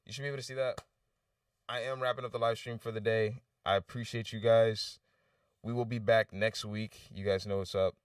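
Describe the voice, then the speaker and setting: A man's voice: lowish voice, little pitch movement, fairly quick, no room sound, studio quality, far from the mic. A man giving candid, loose and rambling feedback on submitted songs during a casual livestream. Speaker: livestream music reviewer.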